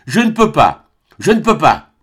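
A man reading an audiobook, voicing a frightened, withdrawn young priest in a measured, hushed, trembling way. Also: medium pitch, animated.

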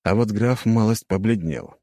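A man narrating a first-person audiobook in a lively, expressive way. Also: fairly low pitch, normal speed, no echo, studio quality.

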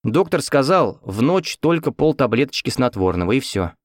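A man voicing a stern, brisk female nurse who gives curt orders. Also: mid-range voice, sing-song, no echo, pitched above the performer's own voice, close to an everyday voice. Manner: curt, commanding.

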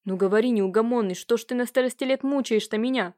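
A woman reading an audiobook, voicing an agitated older nobleman who scolds and nags his nephew with a hoarse, rising voice. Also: fairly high pitch, fast talker, warm tone, close to an everyday voice. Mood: scolding. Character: agitated older nobleman uncle, jealous and nagging.

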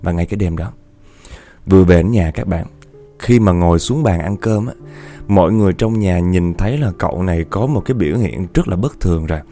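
A man telling a ghost story, animated, repeating words for effect and speaking straight to his listeners. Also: low-pitched, brisk, faint music behind. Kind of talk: spoken ghost story narration.

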